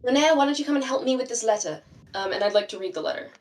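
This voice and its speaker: A woman's voice: on the high side, rapid-fire, recorded from a distance. A woman playing a tabletop game, unsure and apologetic as she checks the details. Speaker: player. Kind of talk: casual tabletop game talk.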